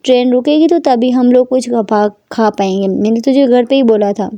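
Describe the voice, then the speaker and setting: A woman's voice: a little high, normal speed, dark tone, dry recording, close to an everyday voice. A woman voicing a stern, irritated middle-aged mother who scolds her daughter. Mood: scolding. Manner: scolding, curt.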